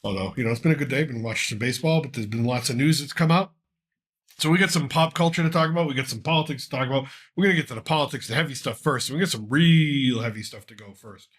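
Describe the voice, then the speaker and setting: A fast-talking podcast host with a mid-range voice discusses the news on his casual talk show. He is congested from a cold and rambles loosely, peppering his speech with "uh."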